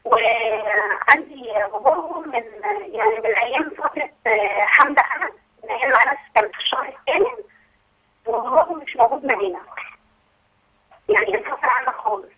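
A woman's voice: sits high, lively intonation, brisk, breathy edge. A woman with an Egyptian accent calling in by phone, her audio glitching and breaking up, talking hesitantly with many fillers. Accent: Egyptian Arabic. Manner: hesitant, many fillers, asks if she is heard. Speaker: caller to a parenting advice show. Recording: muffled lo-fi phone line.

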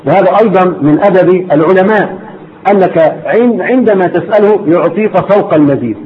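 High-voiced Egyptian religious teacher. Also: male voice, fast. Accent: Egyptian Arabic. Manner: repetitive, rhetorical questions to listeners. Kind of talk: Islamic lesson to a class. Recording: dull lo-fi recording, faint noise.

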